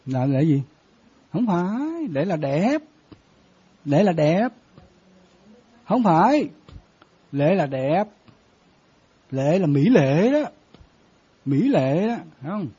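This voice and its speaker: A man's voice: on the high side, very animated, slow, pauses often, dark tone, slightly rough. A man, a Buddhist monk giving a conversational dharma talk and often quizzing his listeners. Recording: dull lo-fi sound.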